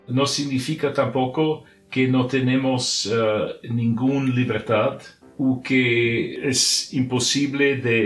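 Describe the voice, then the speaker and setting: Slow, halting Austrian-accented man. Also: mid-range voice, roomy sound. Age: middle-aged. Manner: halting, non-native speech with searching pauses. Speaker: religious brotherhood member, communications director. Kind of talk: prepared spiritual reflection for a podcast.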